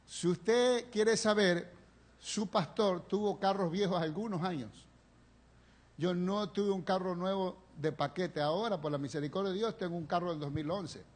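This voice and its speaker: A male pastor preaching a sermon, telling a personal story with feeling and swinging between loud pleading and hushed confession. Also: sits high, normal speed. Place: church sanctuary, live stream.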